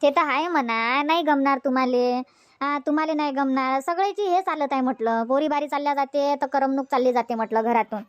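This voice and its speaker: A gossipy, soothing village aunt from a cartoon comedy, played by a woman, with a Varhadi Marathi accent. The voice is squeaky-high and recorded dry and close. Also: a little fast, dry recording, lightly acted. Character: chatty consoling village aunt.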